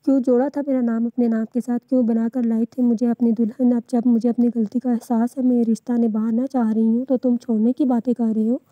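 A woman reading out the lines of a young wife who is emotional and quick-tempered. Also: fairly high pitch, level tone, dry recording, lightly acted. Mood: tearful. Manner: tearful pleading, then teasing. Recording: dull lo-fi, dry.

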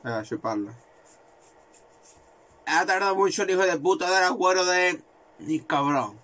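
A man commentating his own football video game, excitable and swearing, repeating words in rapid bursts. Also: sits high. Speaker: gaming video creator.

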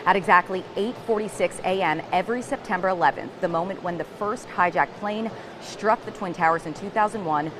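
A woman's voice: fairly low pitch, a little fast. Young woman reporter over gym noise. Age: young adult. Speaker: TV news reporter. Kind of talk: live news report. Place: large indoor gym. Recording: clear gym machine noise behind.

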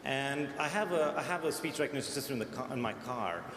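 A search engineer on a conference panel speaks with a medium-pitched, fairly bright voice, lively intonation and a quick pace. His accent blends American and Indian, and he talks thoughtfully, often restarting his phrases. The large conference hall sounds echoey, with faint noise in the recording.

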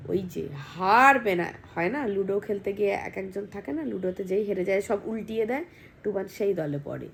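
A woman vlogger, hoarse from a cold, chatting casually at home and reading out viewer comments. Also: mid-range voice, expressive, normal speed, slight background noise. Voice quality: husky, gravelly.

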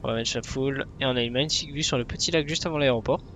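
A man's voice: medium pitch, rapid-fire, fairly bright tone, a little hiss or hum. A man giving casual tutorial commentary as a flight simulator presenter.

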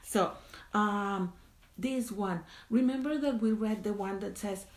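A woman's voice: mid-range voice, slow pace, reverberant. A woman teaching children by reading picture books in Spanish, repeating each line in English and chatting between pages. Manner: reads a line in Spanish, then explains it in English; chatty asides while turning pages. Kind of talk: bilingual picture-book story time.

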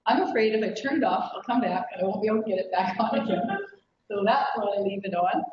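A woman's voice: medium pitch, quick pace, background noise. A woman teaching a class in a casual, chatty way, often laughing as she explains. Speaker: instructor. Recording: echoey, distant, dull classroom recording.

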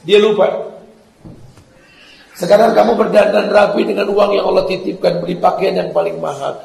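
A male preacher with a high, gravelly voice gives a passionate sermon. He scolds his listeners with sharp rhetorical questions and acts out family conversations. The sound is roomy and echoing. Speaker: Islamic preacher.

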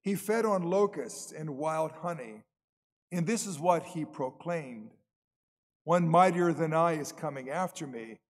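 Priest, male, formal measured reader; cathedral echo, long church reverb, voice sits a bit high. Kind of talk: gospel reading and homily. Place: large church.

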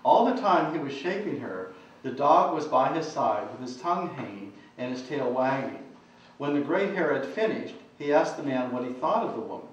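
Male author reading his novel at a talk, measured, far from the mic in a very echoey room. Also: mid-range voice, animated. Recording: echoey, distant, dull lecture recording.

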